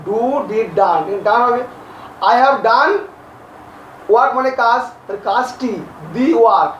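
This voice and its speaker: A male English teacher, teaching grammar to a class slowly, repeating and spelling out each word. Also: very high-pitched, a bit bright, slight background noise. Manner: slow, repeats and spells out words. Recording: echoey, distant, dull lo-fi audio.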